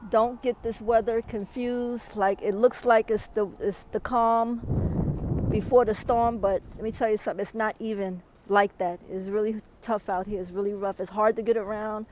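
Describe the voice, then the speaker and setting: A woman vlogger films a weather vlog outdoors in a snowstorm, out of breath and often tacking "okay?" onto her emphatic advice. Her mid-range voice is steady and darkish at a moderate pace. The recording is rough, with slight background noise.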